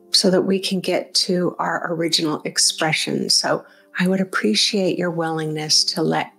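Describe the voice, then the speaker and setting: A meditation teacher with a fairly low-pitched voice guides a session off the cuff, her manner gentle, encouraging, and conversational.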